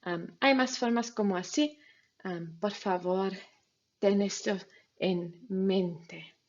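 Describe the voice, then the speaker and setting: A woman teacher speaks slowly and patiently, giving students step-by-step instructions in a recorded grammar lesson. Her voice is a little breathy and husky. The recording sounds somewhat dull and lo-fi. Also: medium pitch, a little mellow. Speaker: Spanish teacher.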